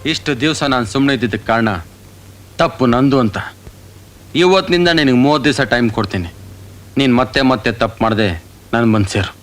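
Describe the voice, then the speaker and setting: An actor playing Ranganath, a proud, cold husband who gives curt commands in a 1990s film drama. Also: male voice, medium pitch, fairly quick, pauses often, a bit bright, soft background music, natural voice. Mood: stern. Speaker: film character.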